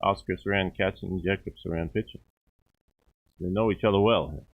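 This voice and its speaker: New york guy doing color commentary, real low voice, tinny phone sounding audio. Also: steady tone. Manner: analytical, easygoing, a little halting. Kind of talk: baseball commentary.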